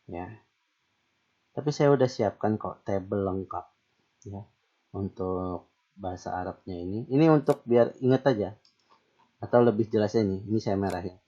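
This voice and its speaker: A man talks through a grammar lesson in a low, mellow voice, easygoing and conversational. He often stops to ask rhetorical questions and fill pauses. The sound is a bit dull and lo-fi. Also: slightly rough. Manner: relaxed, chatty, with fillers and rhetorical questions. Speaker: Arabic grammar teacher. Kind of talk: casual online lesson.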